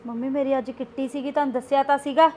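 A woman's voice: sits high, level tone, rapid-fire, mellow, slight background noise, natural voice. A young woman playing a defiant, self-centred daughter-in-law who argues back in a family drama skit. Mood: casual. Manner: argumentative, talking back.

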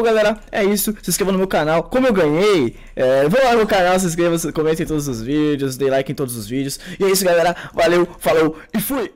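A young Brazilian man narrates his match at his computer, his voice pitched high and bouncing wildly between highs and lows. He gets excitable and repeats words in rapid bursts, with typing audible in the background. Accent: Brazilian Portuguese. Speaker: gaming YouTuber. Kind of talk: casual gameplay commentary.

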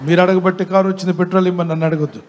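A man's voice: sits high, steady tone, rapid-fire, slight background noise. A male pastor giving a live sermon, telling a humorous story and calling out to the congregation for responses.

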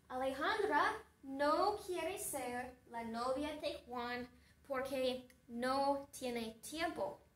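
Slow high-voiced woman teaching a class. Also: sharp tone, roomy sound, recorded from a distance. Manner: slow and deliberate, asking the class questions and recapping. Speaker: Spanish teacher. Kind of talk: slow storytelling lesson for a class.

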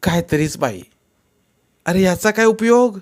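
A woman's voice: mid-range voice, animated, measured pace, a little mellow, pitched above the performer's own voice, lightly acted. A man reading a story aloud, voicing a practical village mother who nags and questions her son. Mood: dismissive. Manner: nagging, questioning.

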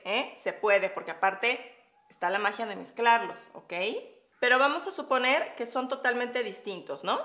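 A woman's voice: a little high, fairly bright tone. A woman with a Mexican accent in her thirties, chatting in a bubbly way with viewers while doing her makeup, laughing often. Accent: Mexican Spanish. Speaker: beauty vlogger. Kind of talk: casual chatty makeup vlog. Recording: echoey room.

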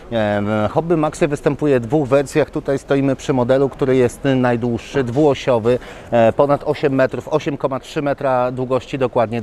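A man's voice: mid-range voice, a little mellow, a little hiss or hum. A man in his thirties presenting caravans at an indoor trade fair, chatting to viewers with lots of fillers, on a lapel mic. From Poland. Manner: enthusiastic, talks straight to viewers with many fillers. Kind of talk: walkthrough presentation.

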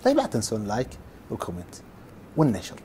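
A man's voice: fairly low pitch, huge pitch swings, fast talker, warm tone, a little hiss or hum. A man with a Saudi accent narrating a true story, relaying another man's account and repeating "he says" as he goes. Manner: keeps repeating "he says" while retelling a friend's account.

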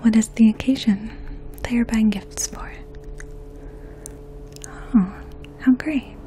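In a small indoor room, a woman in her twenties plays a makeup artist for an ASMR role play, treating the listener as her client. Her fairly high voice is soft, hushed and breathy, and she explains things gently and slowly. A faint steady hum from outside and a distant lawn mower can be heard.

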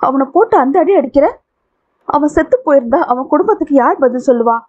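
A woman's voice: high-pitched, animated, fast talker. A woman reading the part of a proud, hurt young woman who speaks defiantly and indignantly. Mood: furious. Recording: tinny phone-like audio.

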